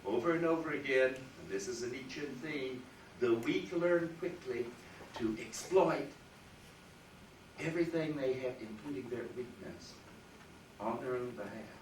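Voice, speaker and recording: Slow emphatic male lecturer, far-off echo. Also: medium pitch, slight background noise. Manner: emphatic, rising sharply on key words. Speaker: philosophy lecturer. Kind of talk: university lecture. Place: lecture room. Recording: roomy lecture hall from far off, faint ambience.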